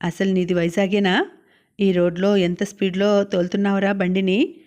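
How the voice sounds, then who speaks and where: A woman voicing a rough, quarrelsome male truck driver, in an audiobook. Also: medium pitch, little pitch movement, moderate pace, darkish tone, lightly acted. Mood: angry.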